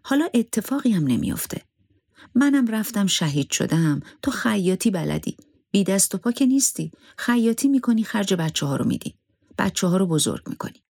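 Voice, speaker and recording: Male narrator voicing a calm, devoted young husband in a story reading, slightly raised voice, gravelly edge, husky. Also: high voice, pitched above the performer's own voice, exaggerated voice. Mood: reassuring. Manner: calm, reassuring.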